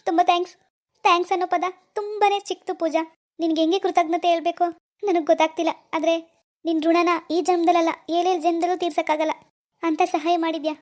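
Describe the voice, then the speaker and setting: A woman voicing a childless, deeply grateful elder sister in an animated cartoon, speaking in an in an earnest, pleading way. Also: quick pace.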